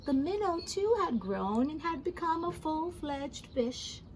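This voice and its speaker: A woman reading a children's story aloud expressively, pausing for gentle asides to young listeners. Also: sits high, sing-song, slight background noise. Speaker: storybook reader.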